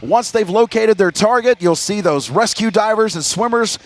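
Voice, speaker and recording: An American man doing airshow commentary as the announcer, addressing a crowd in a showman's style with drawn-out emphasis. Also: sits high, lively intonation.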